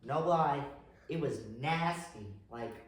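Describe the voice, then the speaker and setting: A man's voice: a little high, slow. Casual male co-host, rambling and unpolished, very roomy echo. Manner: rambling, restarts, searching for words. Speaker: podcast co-host. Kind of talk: casual podcast chat. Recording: very echoey room with faint noise.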